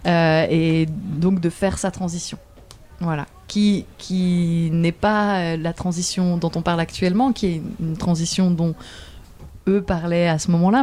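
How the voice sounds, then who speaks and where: Hesitant woman, low mellow voice. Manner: hesitant, many fillers, laughs often. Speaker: theatre director, guest. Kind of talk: casual radio interview.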